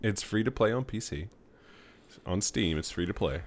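Deep, animated male podcast co-host, teasing and laughing through casual banter. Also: moderate pace. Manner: joking, teasing, laughs often.

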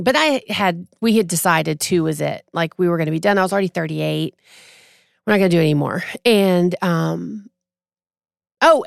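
A woman in her forties, a podcast guest, telling a personal story in a casual, animated way and acting out what others said. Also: medium pitch, vocal fry, dry recording, studio quality. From Texas. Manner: animated, acts out quoted voices.

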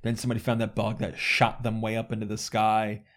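A man guesting on a podcast, telling rambling, animated stories and laughing often. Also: lowish voice, brisk. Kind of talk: casual gaming podcast chat.

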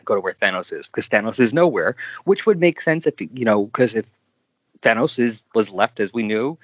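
A man's voice: medium pitch, breathy edge, no echo. A man co-hosting a casual comics chat, rambling and often restarting his sentences. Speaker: podcast co-host discussing comics. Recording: dull, dry lo-fi sound.

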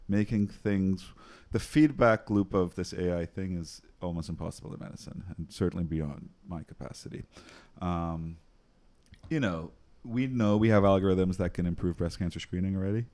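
Deep voiced guy in his 40s from trinidad, casual interview guest, lots of ums and little laughs. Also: fairly even intonation, normal speed, warm tone. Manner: laughs often, many ums and restarts. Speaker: physician and AI researcher, guest.

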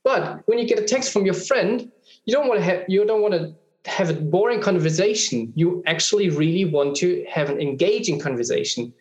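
A man speaks as a guest expert, explaining things patiently and often pausing on filler ums and restarts. His voice sits a little high. The recording has a noticeably roomy echo. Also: animated. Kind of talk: explanatory conversation.

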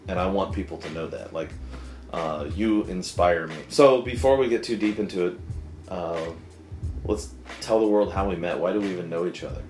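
A man's voice: low voice, moderate pace, a little mellow, reverberant, soft background music. A man hosting a podcast, talking casually and jokily with lots of "like" and "uh". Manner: chatty, jokey, many fillers like "like" and "uh". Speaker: podcast host. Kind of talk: casual interview chat.

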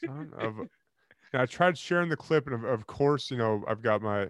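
A man's voice: medium pitch, expressive, fairly quick, clear, resonant tone, dry recording, studio quality. A man hosting a casual podcast, rambling and restarting often, his mic glitching and distorting his voice. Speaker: host.

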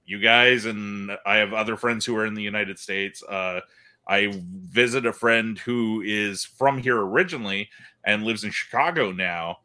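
Canadian guy on a podcast, tense bright voice, acts out what people say. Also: fairly low pitch, unhurried. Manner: animated, acts out quoted people in a raised voice. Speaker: podcast guest. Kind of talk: casual chat.

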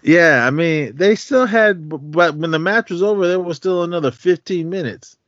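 This podcast co-host is a middle-aged man with a slightly high, fairly bright voice at normal speed, and there's no echo. He talks in a relaxed, slangy style, captured with a dull lo-fi, dry close sound.

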